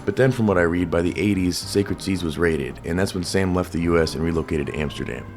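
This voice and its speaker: A man narrating a history in a steady, informative way, with light music behind. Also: deep voice, brisk. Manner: informative storytelling. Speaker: host. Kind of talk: scripted narration.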